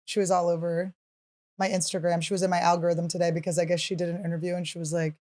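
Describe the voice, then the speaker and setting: A woman in her thirties hosts a casual podcast, cracking jokes and tossing off quick asides. Her voice sits a little low for a woman, and she fills her talk with "like.". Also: flat delivery, warm tone. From Philadelphia. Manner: joking, quick asides, frequent "like". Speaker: podcast host.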